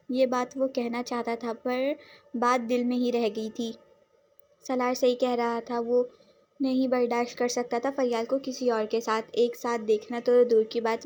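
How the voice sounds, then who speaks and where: A woman narrating her own romance story in scripted storytelling, in a soft, lowered voice.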